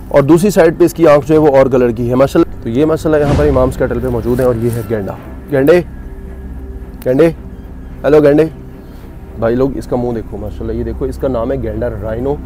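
A man's voice: medium pitch, dark tone, slight background noise. A man giving casual walking vlog commentary while touring a cattle farm outdoors, chatty and joking with his viewers.

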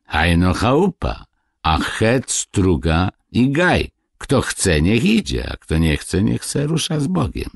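Man playing stubborn poor peasant, rustic dialect, curt, blunt, loud, husky, storybook audiobook. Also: fairly low pitch, wildly swooping pitch, slow, pitched above the performer's own voice, heavily acted. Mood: gruff.

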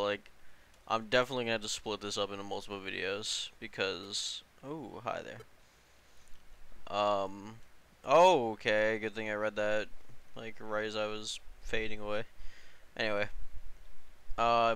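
A man's voice: on the low side, sharp tone, smooth. A young man chatting casually as he plays a video game, joking at his own failures and laughing often. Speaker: gaming channel host. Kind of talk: casual gameplay commentary.

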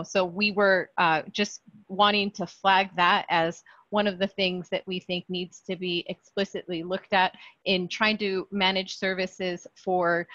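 A woman giving a measured public comment on a video call, with some fillers. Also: lowish voice, a bit bright, dry recording. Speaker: public commenter for a behavioral health association. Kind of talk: public comment at a virtual meeting. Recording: dull dry call audio.

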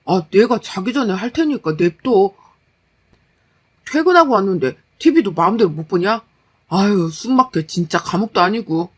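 A woman's voice: mid-range voice, expressive, moderate pace, husky. A woman voicing a whiny, lazy husband. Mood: grumbling, defensive. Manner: whiny, dismissive. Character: lazy, defensive young husband, grumbling.

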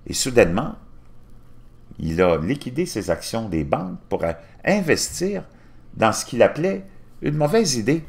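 A middle-aged YouTube host reads news articles aloud from his screen, tossing in his own asides and often stumbling and restarting words. His medium-pitched voice is sing-song, a little mellow, with vocal fry, at normal speed. He records on a desktop mic in a small room at home.

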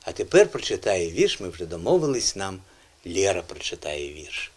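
A middle-aged man presenting a lively language segment on television, quizzing children and repeating words in a teacherly way. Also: deep voice, normal speed, breathy edge.

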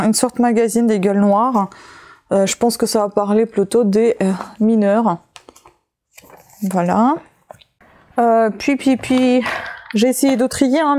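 Showing off books she came across, this soft-spoken vlogger talks in a relaxed haul-video style. Her fairly high voice carries a non-native French accent, and her slow listing is full of hesitations and filler words.

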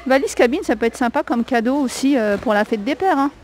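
Her voice sits high, with lively intonation, a fairly quick pace and a slightly mellow quality. An adult with a young child, she films a discount-store walkthrough vlog on a handheld camera, chatting hesitantly in French with a non-native accent and listing prices with many fillers. The low-quality recording has a little hiss or hum.

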